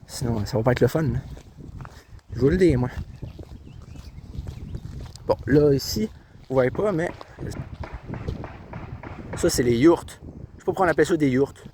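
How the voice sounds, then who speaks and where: A young Québécois vlogger films himself on a handheld tablet while walking a countryside trail beside a river and road, chatting casually, rambling and poking fun at himself. His medium-pitched voice is a little mellow and unhurried, with long pauses. Faint outdoor ambience of birds and passing cars adds slight background noise.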